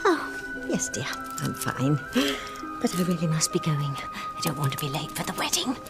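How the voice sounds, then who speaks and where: A woman's voice: sits low, big pitch swings, moderate pace. An actress playing a scheming old witch who feigns sweetness, theatrical and conspiratorial, in a soap opera. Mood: falsely reassuring. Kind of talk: daytime soap opera acting. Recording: music under the dialogue.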